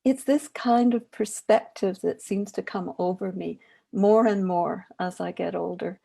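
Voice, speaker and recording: An older woman poet on a panel, speaking in a thoughtful, measured way. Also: mid-range voice, gravelly, warm tone, slightly rough. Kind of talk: reflective panel talk.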